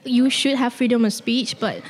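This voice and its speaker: A young Malaysian student answers street questions in casual vox-pop style, earnestly but with some hesitation. Her voice is on the high side with a steady tone and moderate pace, and it sounds like a big room.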